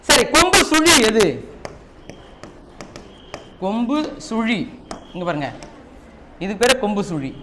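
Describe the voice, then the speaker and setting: A man's voice: high voice, very animated, slow pace, long pauses. A man teaching a Tamil class with a Tamil Nadu accent, repeating key points and quizzing his students. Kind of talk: classroom lesson. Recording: noisy classroom recording.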